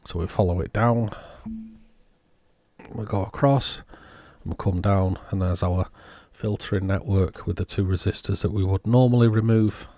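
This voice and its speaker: A man giving casual, unhurried technical commentary, thinking aloud as he inspects a circuit board. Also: deep voice, fairly even intonation, mellow, dry recording. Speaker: electronics repair vlogger.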